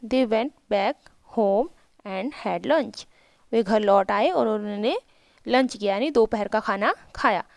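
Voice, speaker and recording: A woman teaching, reading a storybook in English slowly and then explaining it at length with rhetorical questions. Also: mid-range voice, creaky, no room sound. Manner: repeats and rephrases, asking rhetorical questions.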